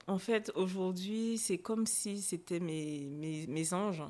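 In a steady, mellow tone, a young woman with a somewhat low voice recounts a lived experience as a podcast guest. Her storytelling is candid and emotional, marked by frequent hesitations, filler words and restarts.

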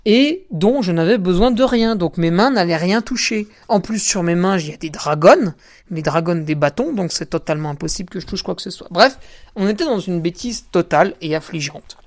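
A man's voice: high-pitched, lively intonation, a little fast. A man telling a story in a solo podcast, ranting indignantly with crude slang and often turning to the listener. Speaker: podcast host and trail runner.

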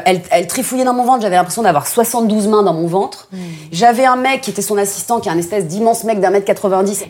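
A woman recounts an intimate personal experience on a casual chat show. She speaks with emotion, in halting phrases that restart and circle back. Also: mid-range voice, darkish tone. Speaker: co-host.

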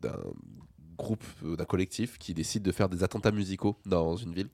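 Very low-voiced radio host. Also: male voice, a little fast, no room sound. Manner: relaxed, slangy, laughs easily. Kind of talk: casual radio chat.

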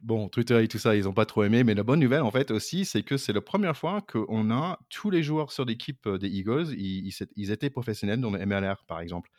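A man's voice: on the low side, a little fast, few pauses, darkish tone, dry recording, studio quality. A middle-aged American man co-hosting a casual podcast in his second language, with many fillers and restarts. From United States. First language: English. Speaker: podcast co-host.

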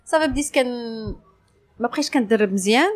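Woman, Moroccan Arabic accent, higher-pitched voice, rapid pace, casual interview storytelling, French phrases mixed in. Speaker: interview guest, sports journalist.

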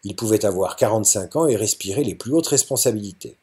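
A male audiobook narrator reads a literary novel with an expressive delivery. His voice is husky and breathy. His pitch moves in a lively way from line to line. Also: fast talker. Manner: expressive reading.

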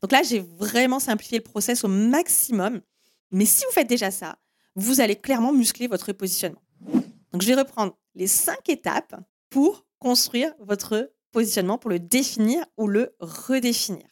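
A woman's voice: a little high, lively intonation, moderate pace. A woman hosting a solo marketing podcast, explaining step by step in a direct way and giving listeners firm instructions. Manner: direct, explanatory, with frequent "en fait" and "eh bien".

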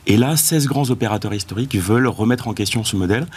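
A low-voiced man with a husky edge. He speaks fast, laying out his argument firmly as a guest executive. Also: darkish tone. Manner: fast, assertive explainer. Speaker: telecom company head, guest. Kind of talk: TV interview answers.

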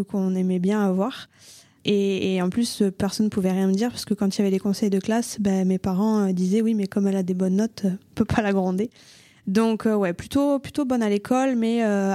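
A woman's voice: mid-range voice, warm tone, no room sound. Young woman with a Toulouse accent. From Toulouse, France. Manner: frank, many fillers. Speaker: interview guest. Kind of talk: conversational interview. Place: coworking space.

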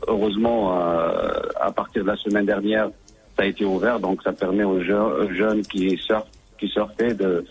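A man calling in to a radio show over the phone, speaking haltingly and often restarting his words. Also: lowish voice, steady tone, breathy edge. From Morocco. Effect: caller on a phone line into a radio show.

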